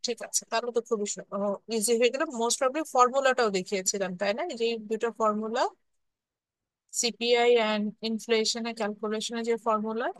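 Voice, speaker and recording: A woman university lecturer teaches an online class in Bengali, mixing in English terms, saying English phrases slowly and deliberately, and often checking in with students. Her voice is on the high side and steady. The audio is poor, with no echo.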